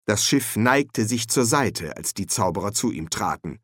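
A man reading a comic fantasy novel aloud in measured, dry storytelling. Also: on the low side, lively intonation, fairly bright tone, dry recording. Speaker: audiobook narrator. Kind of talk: scripted narration.

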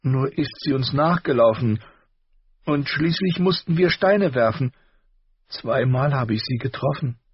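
A man voicing a stubborn, tearful young girl in an audiobook, speaking in a high, strained, husky voice with rushed outbursts. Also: animated, no echo, lo-fi sound. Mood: ashamed. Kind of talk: audiobook character voice.

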